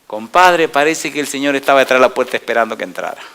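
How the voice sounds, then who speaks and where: With a mid-range voice and a quick pace, this middle-aged man delivers a sermon as a pastor. He animatedly tells stories, asks the congregation one yes-or-no question after another, and moves back and forth between loud and soft.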